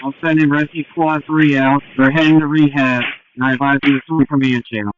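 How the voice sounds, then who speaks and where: A man speaking as a fire division supervisor, brisk and procedural, in firefighter radio style over a two-way radio. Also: on the high side, little pitch movement, dry recording, lo-fi sound. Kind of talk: fireground radio report. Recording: band-limited firefighter radio transmission.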